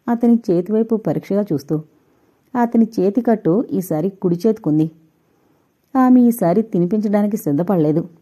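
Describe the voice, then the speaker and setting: A woman's voice: medium pitch, dark tone, slightly rough. A woman reading a novel aloud as an audiobook narrator, voicing the characters' dialogue lightly in her own voice. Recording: dull lo-fi recording.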